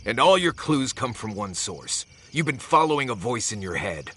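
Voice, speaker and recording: An actor playing a bitter, sarcastic adventurer companion in a fantasy video game, lashing out in scornful tirades. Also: male voice, medium pitch, big pitch swings, normal speed, a bit bright, breathy edge. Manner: scornful, heated outbursts.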